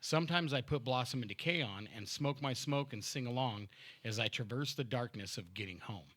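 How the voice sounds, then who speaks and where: A man hosting a podcast in a home-built studio, his voice bright and forward. He talks loosely and profanely, laughing between fillers. The sound is dry and close-miked. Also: mid-range voice, fairly quick, no echo. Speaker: podcast host and band member. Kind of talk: casual chat and reading a fan letter aloud. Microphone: studio mic with headphones.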